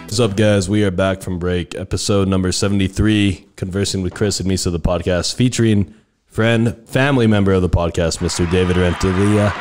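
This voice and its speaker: Lower-voiced young man hosting a podcast. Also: steady tone, a little fast, a little mellow, faint music behind. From El Paso, Texas. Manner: loose, swearing, steers the segments. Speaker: podcast host. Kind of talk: casual chat.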